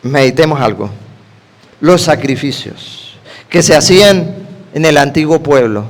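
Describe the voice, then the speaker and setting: A man preaching an animated sermon, firing quick questions at his listeners. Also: on the high side. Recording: long hall reverb.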